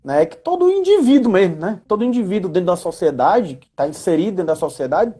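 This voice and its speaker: A woman with a Brazilian accent, appearing as a guest in a casual live chat, explains the use of role-playing games in education and work. Her medium-pitched voice is dark with a breathy edge, animated and fast, and she teaches as she goes, frequently adding little tag questions to check for agreement.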